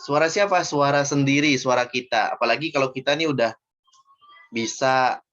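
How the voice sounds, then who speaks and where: A man's voice: medium pitch, moderate pace, fairly bright tone. Male recitation teacher, patient step-by-step explainer, slightly muffled online call audio. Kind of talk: online tajwid lesson. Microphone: video call.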